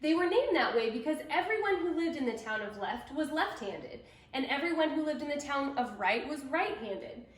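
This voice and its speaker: With an animated, high-sitting voice, a woman reads a picture book to kids at a moderate pace, barely pausing. Her telling is expressive and emphatic, she speaks asides to her young audience, and the recording has an echoey room sound.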